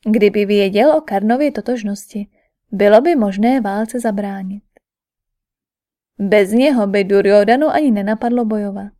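A woman narrating a scripted epic audiobook in a measured, even storytelling manner. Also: medium pitch.

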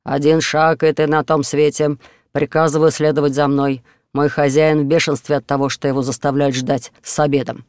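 A man's voice: fairly high pitch, little pitch movement, moderate pace, clear, resonant tone, no echo, studio quality, lightly acted. A man voicing a big, cocky outlaw who mocks and threatens. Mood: menacing. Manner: sarcastic, threatening. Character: big bold mocking male outlaw.

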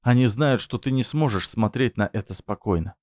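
A man voicing a cold, composed older woman who speaks quietly and firmly. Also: fairly low pitch, normal speed, dry recording, clean studio sound, natural voice. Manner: quiet and firm.

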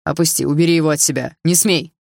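A woman voicing a troubled, protective young man in an audiobook, speaking hushed and urgent. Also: low-pitched, flat delivery, moderate pace, vocal fry, slightly rough, no echo, clean studio sound, heavily acted.

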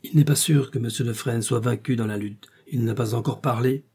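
A man's voice: medium pitch, fairly quick, dark tone, slightly rough. A man reading aloud, voicing a proud young wife who speaks in a clipped, defiant way. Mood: guarded.

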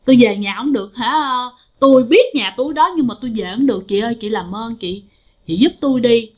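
A woman voicing the ghost of a man killed on the road, pleading softly and repeating her begging in a told ghost story. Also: fairly high pitch, brisk, lightly acted. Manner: soft, begging, repeating pleas.

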